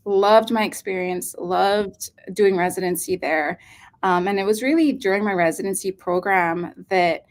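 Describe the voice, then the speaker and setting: Woman in her 30s, mid pitched, earnest, lots of ums, easygoing interview chat. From Hawaii. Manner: earnest, unhurried, many um fillers. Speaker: pediatric nephrologist guest. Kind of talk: casual interview talk.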